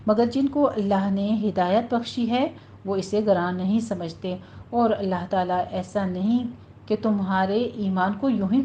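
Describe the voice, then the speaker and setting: A woman's voice: mid-range voice, warm tone. Patient woman teaching Quran pronunciation. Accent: Pakistani Urdu. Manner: patient, explains each sound step by step, models recitation slowly. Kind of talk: recorded tajweed lesson. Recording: muffled lo-fi recording with faint hiss.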